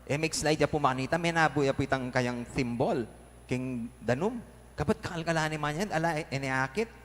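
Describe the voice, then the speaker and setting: A priest with a Kapampangan accent, reading Scripture and telling a story in a homily at a measured pace. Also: male voice, on the high side. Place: large church. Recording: echoey church with faint noise.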